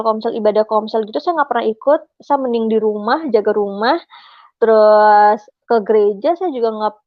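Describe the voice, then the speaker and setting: Young woman, shy interview guest, fairly high voice, halting personal testimony, dry and slightly dull sound. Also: no echo. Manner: halting, recounting at length with frequent hesitations.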